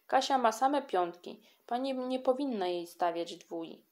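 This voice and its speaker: Woman doing an excitable little schoolgirl, insistent, pleading, storybook. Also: a little high, unhurried, voice pushed up. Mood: heated. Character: loyal, excitable young schoolgirl friend.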